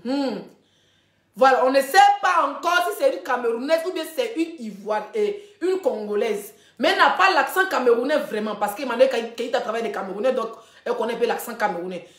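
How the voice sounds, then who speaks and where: A woman hosting a ranting gossip live stream, animated, laughing often and addressing her viewers directly. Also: fairly high pitch, a little fast. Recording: roomy echoey room.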